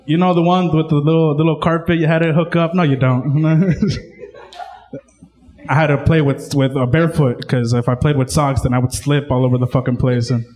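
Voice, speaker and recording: A man's voice: a little high, flat delivery, brisk, a little mellow. Young man doing slangy stand-up. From Mexican-American family. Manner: casual, slangy, says "bro" a lot. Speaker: stand-up comedian. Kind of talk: stand-up comedy set.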